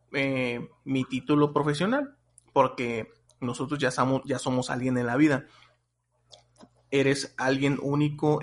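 A young adult man with a Mexican accent hosting a podcast in a casual, chatty style. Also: mid-range voice. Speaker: podcast host.

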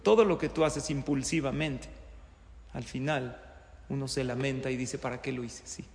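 This Torah teacher speaks to live listeners in a hall with long reverb, frequently asking them rhetorical questions during his religious lecture. His tone is steady and a little mellow, mid-range in pitch, at a moderate pace, with slight background noise.

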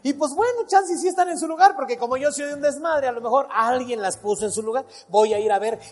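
Husky Mexican stand-up comedian, swearing. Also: male voice, extremely high pitch, faint music behind. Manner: crude, swearing, rapid storytelling.

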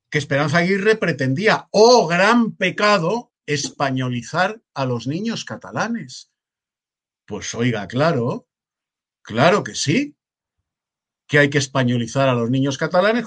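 A man's voice: on the high side, fairly bright tone. A man with a Spanish accent from Spain, delivering impassioned political opinion commentary, emphatic and rhetorical, repeating phrases for effect.

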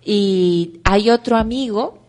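A woman's voice: medium pitch, slow, a little mellow. A woman co-hosting a podcast, chatting in an opinionated, teasing way. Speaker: podcast co-host. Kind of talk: casual chat.

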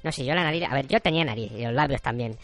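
A man playing a boastful, silly male dark wizard lord, rambling and joking in a comedy sketch interview. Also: mid-range voice, rapid-fire, lightly acted.

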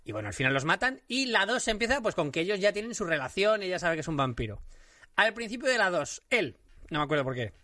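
A man from co-hosting a comedy podcast, talking animatedly and breaking into loud rants. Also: sits high, quick pace, dry recording, clean studio sound, far from the mic. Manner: animated, rants and shouts when impersonating. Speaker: podcast co-host.

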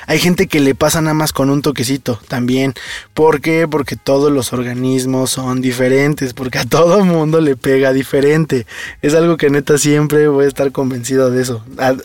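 A man's voice: medium pitch, steady tone, normal speed, darkish tone, no echo. A man with a Mexican Spanish accent, hosting a podcast and telling a story in casual, swear-laden slang. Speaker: podcast host.

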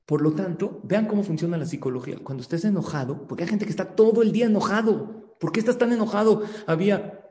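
A rabbi gives a religious class over a video call, lecturing animatedly, talking fast and often turning to his listeners with questions. His voice is high yet mellow, and the room is echoey with a long reverb tail.

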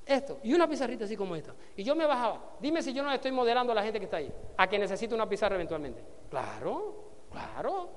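Talking fast in a high, sing-song voice, a man runs a motivational business seminar as a network marketing trainer. He preaches to the room and has the audience answer his questions and echo him back, and the recording carries a big-room sound.

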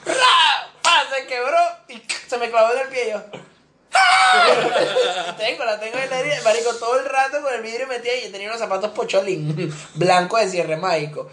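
A man's voice: very high-pitched, fairly even intonation, quick pace, few pauses, noisy background. A young man co-hosting a podcast, telling playful childhood stories in casual chat, full of laughter and sound effects. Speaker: podcast co-host. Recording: echoey room.

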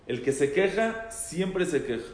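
A man, voice on the higher side, gives an informal religious class to a group. He repeats phrases for emphasis and often turns questions back to his listeners. The room is roomy, with reverb that trails long after each phrase. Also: very animated, measured pace. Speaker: rabbi teaching a class. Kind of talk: informal Torah talk to a group. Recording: echoey hall with long reverb.

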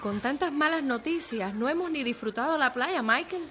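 A woman's voice: sits high, expressive, normal speed, loud music behind the voice. An actress playing a frank, level-headed teenage girl who teases her friend. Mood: blunt.

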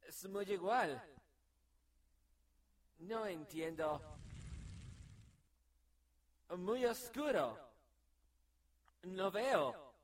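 An actor playing a frightened man lost in the dark, fretful and repeating himself, rising into panicked shouts, in an amateur audio drama. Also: high voice, distant mic, heavily acted. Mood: uneasy.

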